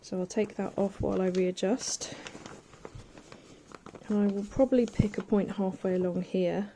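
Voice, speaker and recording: A woman giving a casual hands-on sewing demonstration, chatty and thinking aloud as she pins fabric, with soft asides. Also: mid-range voice, fairly even intonation, normal speed, slight background noise. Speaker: quilting tutor.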